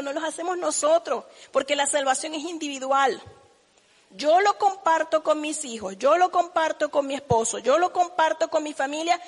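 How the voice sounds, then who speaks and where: Woman preacher, high voice, earnest testimony, echoey church hall, loud then hushed. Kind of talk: sermon.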